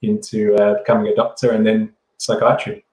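A man hosts a casual podcast chat, his voice pitched a little low. He asks loose, halting questions in a chatty way. His audio carries a roomy echo that makes him sound farther off than his guest. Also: monotone, darkish tone. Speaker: podcast host. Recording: echoey room sound.

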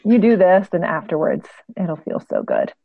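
Lively woman co-host on a tinny line. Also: fairly low pitch, moderate pace, gravelly, no echo. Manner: playful, joking, lively back-and-forth. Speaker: podcast co-host. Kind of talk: casual podcast chat.

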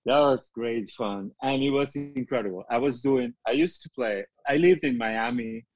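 A middle-aged guest musician, a keyboard player whose first language isn't English, tells stories in a casual interview. He's animated and quick to act out what people said, laughing often. His voice is mid-range and the recording is dry.

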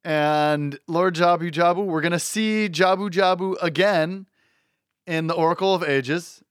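A man co-hosting a casual podcast, tossing out quick joking remarks in an easygoing way. His voice sits a little high, and the recording is close and dry. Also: clear, resonant tone, no room sound. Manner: joking, laid-back, quick asides. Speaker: podcast co-host.

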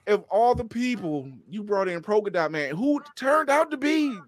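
A man's voice: high-pitched, animated, normal speed. A man co-hosting a casual podcast chat who laughs often and restarts his sentences. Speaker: podcast co-host.

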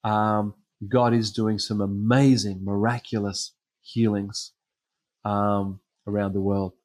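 Low-voiced man preaching, halting storyteller. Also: flat delivery, darkish tone. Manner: hesitant storytelling with frequent ums. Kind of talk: sermon with personal stories.

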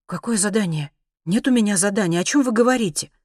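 Male narrator voicing a frightened young woman, pitched well up, pleading in panic. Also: fast talker, a little mellow, no echo, clean studio sound, lightly acted. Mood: confused. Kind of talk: audiobook character reading.

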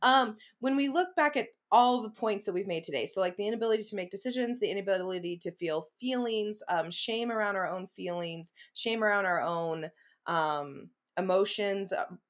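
Podcast host, woman, mid pitch, animated, casual chat over a call. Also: moderate pace. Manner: animated verbal processor, acts out inner dialogue. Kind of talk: casual conversation.

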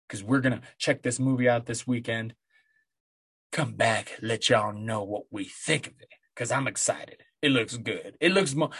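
A middle-aged man with a husky smoker's rasp, chatting casually and rambling solo as a podcast host in a laid-back, sweary way. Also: mid-range voice, no room sound, clean studio sound.

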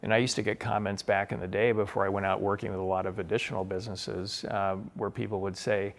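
An earnest middle-aged man speaks in a low, gravelly voice, answering an interviewer. He talks with enthusiasm and often restarts his sentences as he goes. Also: little pitch movement, fast. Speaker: author and guest.

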